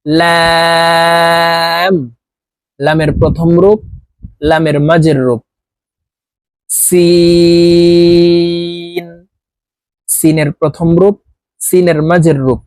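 A man with a Bangladeshi Bengali accent teaching Arabic letters slowly, one by one, with the letter names drawn out and chanted. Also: a little high, mellow, no echo. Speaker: Quran teacher. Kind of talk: slow letter-by-letter lesson.

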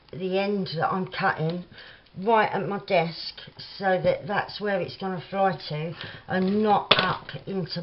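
Working at her craft desk, a Cockney woman from London talks through a casual crafting tutorial, thinking aloud as she goes. She's a craft vlogger with a medium-pitched voice, and the lo-fi audio is very noisy.

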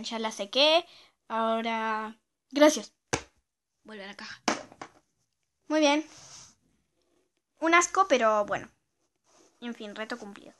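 A female channel host, chatting casually and reacting in a lively, giggly way as she reads out viewer dares, recorded on a phone. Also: fairly high pitch.

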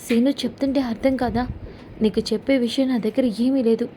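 A woman's voice: on the high side, fairly even intonation, a little fast, dark tone, a little hiss or hum, natural voice. A woman voicing a troubled young woman who hides a secret, speaking tensely and pleadingly in a serial recap. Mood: defensive.

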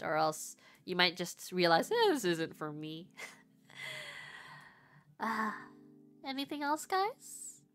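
Rambling and giggly, a young VTuber streamer and artist talks casually with her viewers in a mid-range voice that is pushed and bright. Her nose sounds stuffy at times, and faint music plays behind her.

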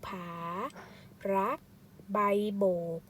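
A woman's voice: extremely slow, fairly bright tone, a little hiss or hum. A woman teacher leading a first-grade reading lesson, reading word by word and spelling out each syllable. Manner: reads syllable by syllable, spelling out sounds. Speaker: primary school teacher.

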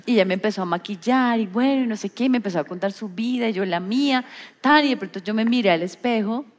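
A woman, an actress, telling stories in an interview, animated, laughing often and acting out voices. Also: fairly high pitch, fast, long reverb tail.

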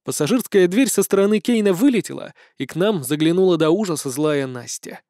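A man narrating an action fantasy audiobook in the first person, expressive and sardonic. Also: high voice, a little fast, no room sound, clean studio sound.

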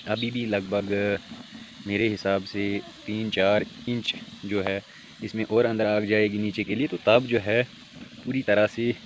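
A man's voice: lowish voice, little pitch movement, a little slow. A man with a Jammu and Kashmir Hindi accent giving a step-by-step outdoor how-to demonstration, talking into a handheld phone camera. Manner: explains step by step, addressing friends. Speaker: beekeeping channel host. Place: outdoors on bare ground. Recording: dull lo-fi phone audio, faint outdoor noise.

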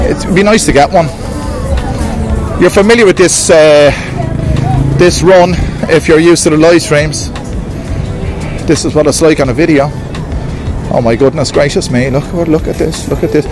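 A chatty Irish man in his fifties with a fairly high voice, walking and talking through a busy night market. He rambles, repeats himself and calls his viewers lads. Crowd chatter and music fill the background. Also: normal speed, long pauses, low-quality recording. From Ireland. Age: 50s. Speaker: vlogger host. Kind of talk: casual walking vlog on the street. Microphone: handheld camera mic. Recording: outdoor street with crowd and music.

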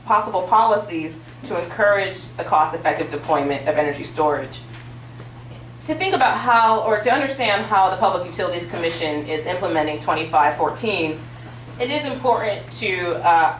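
A woman's voice: on the low side, fairly bright tone, a little hiss or hum. A woman commissioner giving formal policy remarks on a panel, with many small fillers. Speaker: state utilities commissioner on a panel. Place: large auditorium stage with audience. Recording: roomy hall sound from a distance.

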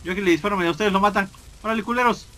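A man's voice: high voice, fairly even intonation, very fast, a bit bright. A man doing casual, joking gameplay commentary and swearing constantly.

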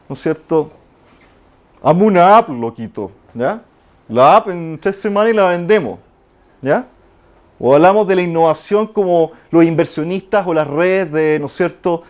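A middle-aged man from Chile with a Chilean Spanish accent, giving an animated conference talk, peppering it with tag questions and acted-out quotes. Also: high voice, normal speed. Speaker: conference speaker.

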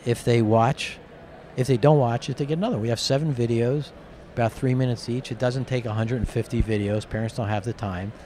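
A middle-aged man from New Jersey with a hoarse, worn-out raspy voice, rambling colloquially as an interview guest. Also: on the low side, darkish tone. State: hoarse, voice nearly gone. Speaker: interview guest, company executive. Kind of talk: casual interview talk. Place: curtained booth at a convention. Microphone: handheld microphone held close, with headphones. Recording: clear background noise of convention hall.

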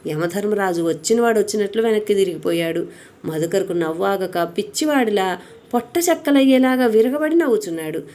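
Mellow woman telling a devotional story. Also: mid-range voice, expressive, brisk. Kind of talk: scripted devotional story narration.

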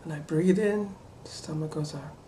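A young adult woman talking casually to camera during voice practice, halting and muttering as she thinks aloud in a bedroom. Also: low voice, warm tone. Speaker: voice trainee doing breathing exercises. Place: small cluttered bedroom, indoors. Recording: faint room noise.

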